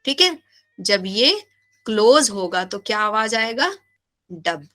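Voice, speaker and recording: Slow, bright-voiced woman biology teacher. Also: on the high side, sing-song. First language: Hindi. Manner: questioning, repeats key terms. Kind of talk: live online class lecture.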